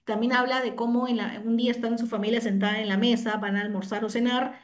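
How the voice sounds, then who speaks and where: A woman's voice: fairly high pitch, fairly even intonation, quick pace. A woman literature teacher, explaining patiently over a video call and often checking in with tag questions. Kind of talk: online class explanation.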